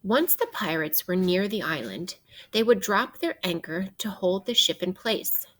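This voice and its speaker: Reading a nonfiction book aloud to children interactively, this woman teacher has a slightly raspy voice and lively, animated pitch. She is expressive and guides the young listeners by asking questions and pausing.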